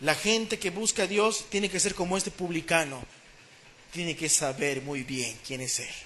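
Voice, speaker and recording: Fervent high-voiced preacher man. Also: fairly even intonation, unhurried, slight background noise. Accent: Mexican Spanish. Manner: swings between hushed pleading and loud fervent repetition. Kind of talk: sermon.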